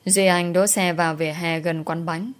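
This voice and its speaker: A woman narrating a dramatic romance story in a steady way. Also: lowish voice, normal speed.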